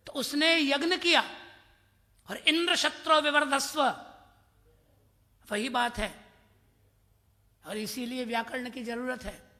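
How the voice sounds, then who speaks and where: High bright-voiced man preaching in a hall. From Mathura, India. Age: 50s. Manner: storytelling, quoting Sanskrit verses; acts out voices in his anecdotes. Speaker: religious discourse speaker. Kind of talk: devotional scripture discourse. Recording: long hall reverb.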